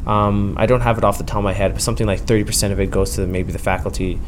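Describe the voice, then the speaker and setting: A man's voice: fairly low pitch, steady tone, very fast, background noise. A young man, a student union president, explaining in an interview with frequent ums and tag questions.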